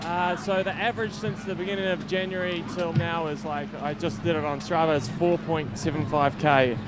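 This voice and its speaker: A middle-aged man, a veteran athlete and coach, chatting in a relaxed, joking way after a race. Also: fairly high pitch, moderate pace. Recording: noisy outdoor background.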